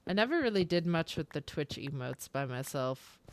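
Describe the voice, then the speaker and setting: A woman's voice: low voice, big pitch swings, normal speed. A young Canadian woman streaming a game, chatting casually with her viewers in a rambling, self-interrupting way and laughing often. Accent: Canadian, with some British-sounding words. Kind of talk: casual chat with live chat while gaming.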